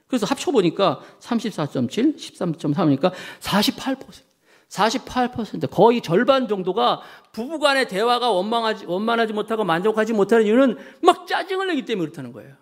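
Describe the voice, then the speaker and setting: A man's voice: high voice, gravelly. A middle-aged man, a pastor, preaching a Sunday sermon, asking his congregation questions and acting out insults. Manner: animated, acts out insults and asks the congregation questions. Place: church sanctuary.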